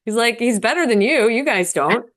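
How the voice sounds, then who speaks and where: A woman's voice: fairly high pitch, expressive, moderate pace. A woman co-hosting a podcast, chatting casually with joking asides before introducing her guest. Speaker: podcast co-host.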